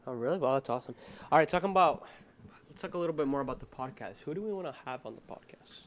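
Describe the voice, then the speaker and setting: A nineteen-year-old man co-hosting a casual podcast, asking quick, teasing questions. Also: mid-range voice, animated. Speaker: podcast co-host. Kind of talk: casual chat.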